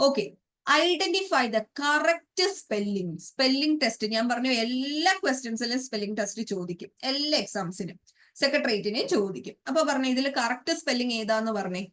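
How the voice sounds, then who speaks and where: A woman with a Malayali accent teaching English grammar and vocabulary for an exam, often asking her students questions and slowly repeating and spelling out words. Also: fairly high pitch, lively intonation, a bit bright.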